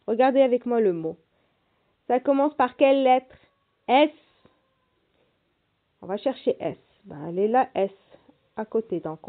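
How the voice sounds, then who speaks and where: Slow, patient woman teacher, tinny sound. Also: fairly high pitch. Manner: slow, patient, spells letters aloud. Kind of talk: primary school reading lesson. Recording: tinny phone-like audio.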